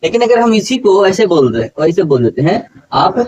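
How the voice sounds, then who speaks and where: A man's voice: high voice, very animated, brisk, mellow, highs cut off. A man teaching a grammar lesson to a classroom, often asking his students questions and repeating key points. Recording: distant, light background noise.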